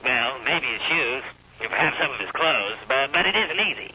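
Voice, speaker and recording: An actor playing a self-satisfied, bumbling twin brother in a mock documentary interview. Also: male voice, medium pitch, animated, moderate pace, close to an everyday voice. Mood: shifty. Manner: earnest then bumbling, smug. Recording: faint background noise.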